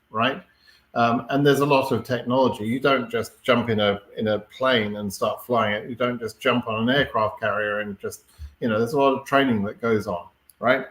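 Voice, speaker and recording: A man hosting a live question-and-answer stream, explaining things in a relaxed way and often checking in with "right?" and fillers. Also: mid-range voice, moderate pace, echoey room. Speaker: host answering viewer questions. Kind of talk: live Q&A chat.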